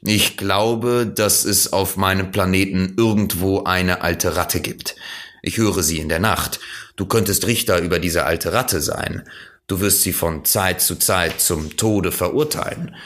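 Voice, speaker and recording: A very old, self-important king who talks in a stately, commanding way, his low voice sitting a little higher than the narration, as a man reads him. It comes from a storybook reading. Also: unhurried, a bit bright.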